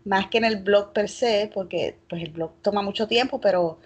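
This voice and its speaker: A woman's voice: medium pitch, normal speed, breathy edge. A woman in her thirties from Puerto Rico with a Puerto Rican Spanish accent, a guest talking reflectively in a casual interview, with lots of fillers and hedging. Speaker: guest, fashion blogger.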